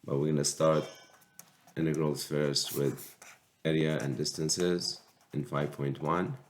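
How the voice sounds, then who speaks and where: A very deep-voiced math teacher, sick with a cold, delivers a recorded calculus lecture in a flat manner. His step-by-step explanation is slow and halting, full of restarts, with slight background noise.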